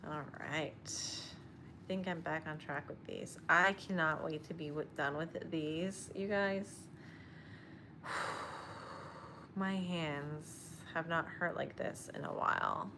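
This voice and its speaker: A woman's voice: deep voice, fairly even intonation, takes it slowly, noisy background. A young woman chatting casually while she crochets, rambling, laughing often and cooing at her dogs. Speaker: crochet vlogger.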